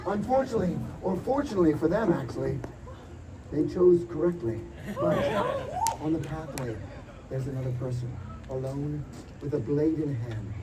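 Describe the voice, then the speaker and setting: A man with a high voice runs a tabletop adventure as a live stage show. He tells the story in a dramatic, suspenseful way, like an announcer playing to a fair crowd. The mic is distant, with loud noise and a big crowd all around. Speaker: game master and live show host. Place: outdoor stage at a Renaissance fair.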